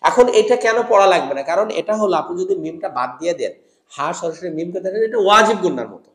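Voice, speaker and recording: High-voiced man teaching recitation rules. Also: expressive, a bit bright, reverberant. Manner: slow drawn-out chanted recitation of examples. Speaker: Quran teacher. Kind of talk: tajweed lesson for teachers.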